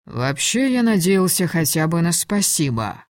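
Audiobook: a woman voicing a low, sardonic male dragon lord, dry booth. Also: sing-song, a little slow, dry recording. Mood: mocking. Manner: sardonic, teasing. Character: mocking male dragon lord in human form. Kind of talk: audiobook dialogue reading.

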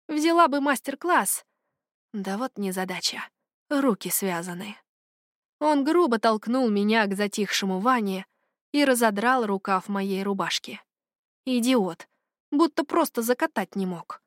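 A woman's voice: medium pitch, dry recording, clean studio sound. Woman reading a dramatic story. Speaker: audiobook narrator. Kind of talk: first-person fiction narration.

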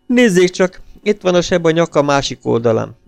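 A calm, shrewd detective, read by a man who states grim facts plainly and without fuss. The voice has a gravelly edge and sounds close and dry. Faint music sits under it. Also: on the high side, no echo, voice pushed up. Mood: matter-of-fact. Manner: dry, matter-of-fact delivery. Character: calm shrewd male detective, matter-of-fact.

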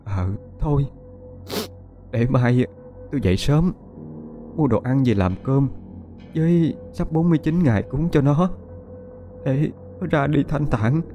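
A man voicing an older grieving mother with a worried, gently coaxing manner. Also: medium pitch, unhurried, pauses often, muffled recording, faint music behind, voice pushed up, close to an everyday voice. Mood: tender.

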